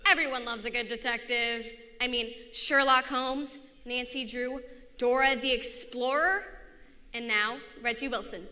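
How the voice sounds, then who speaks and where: A woman's voice: a little high, sharp tone. A woman voicing a boastful, self-assured boy detective telling his story. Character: confident boy kid detective narrating. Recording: echoey hall.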